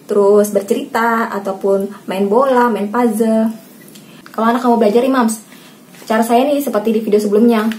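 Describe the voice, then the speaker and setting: A woman's voice: medium pitch, a little mellow, slight background noise. A woman in her thirties, a parenting vlogger from Indonesia, chatting casually to camera, often addressing viewers as Mams and acting out how she talks to her child.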